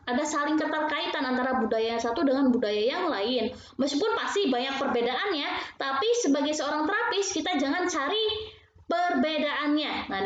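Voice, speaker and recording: A woman giving a casual, chatty university lecture, peppering her explanations with little tag words. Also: sits high. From Indonesia. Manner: chatty, frequent tag "ya", mimics regional ways of speaking. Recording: very echoey dull room with faint hiss.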